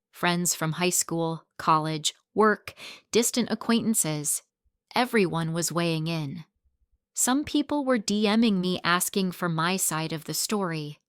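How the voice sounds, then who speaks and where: A woman reading a first-person story aloud in plain, steady storytelling. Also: on the low side, smooth, no echo, clean studio sound. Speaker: narrator.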